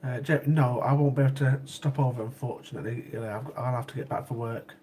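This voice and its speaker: A chatty, sniffly man with a cold hosts a livestream, casually talking with live chat viewers, repeating himself and laughing easily. His medium-pitched voice is dark, fairly even in intonation, and fast. Slight background noise can be heard.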